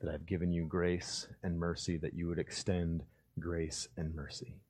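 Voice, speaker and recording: Fervent male preacher, low voice. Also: flat delivery, moderate pace, slightly rough. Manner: impassioned, swings from loud fervor to hushed emphasis; acts out voices of biblical figures in his retelling. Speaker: pastor. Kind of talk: sermon.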